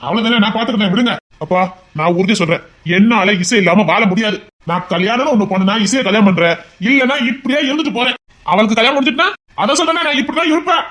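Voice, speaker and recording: An actor playing a lovesick son in his twenties, who refuses an arranged marriage in a low, subdued, stubborn voice. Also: fast, a bit bright. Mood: stubborn, pleading. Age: 20s. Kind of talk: amateur audio drama.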